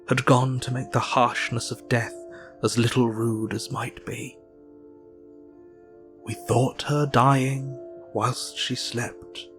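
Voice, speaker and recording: For an audio drama, an English-accented actor voices an earnest, grieving Victorian doctor reading from his diary. His medium-pitched delivery is measured and formal.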